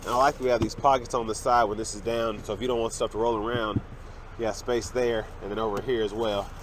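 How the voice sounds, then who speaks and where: A young car reviewer, still getting over a cold, casually walks around a parked car outdoors and points out its features. His voice is lowish and fairly even in intonation, and he talks fast over slight background noise.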